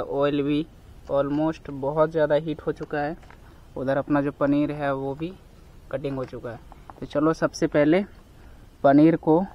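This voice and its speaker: A young man from India, a camping vlogger, chats casually to viewers, calling them "guys," while camping and cooking outdoors in a forest. His voice is a little high, and the highs are cut off.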